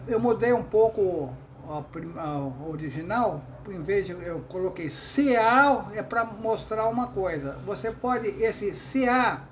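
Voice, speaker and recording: A man from Brazil giving an informal lesson on writing verse, slowly and patiently counting out syllables. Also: high voice, dull audio, a little hiss or hum. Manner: slow, patient, spells out syllables. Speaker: poetry teacher.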